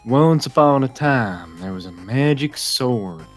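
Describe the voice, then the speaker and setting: A woman voicing a father who tells a bedtime story in a slow, stiff, monotone robot voice while reading game dialogue aloud. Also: extremely low pitch, faint music behind, exaggerated voice. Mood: mechanical. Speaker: game player voicing characters.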